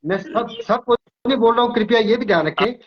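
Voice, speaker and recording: A man's voice: very high-pitched, fast, muffled recording, a crowd in the background. An older man who works as an astrologer, from Himachal Pradesh, explaining emphatically in an interview and often repeating his words. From Himachal Pradesh, India.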